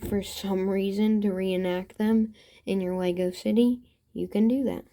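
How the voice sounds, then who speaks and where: Woman, casual show-and-tell host, slow talker, warm low tone, hedging. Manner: relaxed, unsure, hedging asides. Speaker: toy-building channel host.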